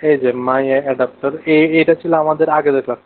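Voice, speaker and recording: Speaking at normal speed with fairly even intonation, this slightly high-voiced programming instructor has a Bangladeshi accent. He walks students through a live online coding lesson step by step, drops in English technical terms and questions the class, all over narrow, phone-like audio.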